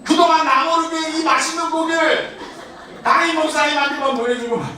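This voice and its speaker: A man's voice: very high-pitched, level tone, takes it slowly, sharp tone, recorded from a distance, voice pushed up, heavily acted. A preacher voicing himself as a petulant young boy whining at his mother, in an echoey church hall from afar. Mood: indignant.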